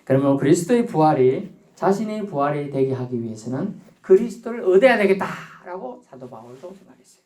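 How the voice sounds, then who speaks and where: A male pastor delivering a lively church sermon, his pitch climbing and dropping as he plays out small everyday scenes. He laughs now and then and calls for amens from the congregation. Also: fairly quick. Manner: animated preaching, acts out little scenes with laughter. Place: church sanctuary.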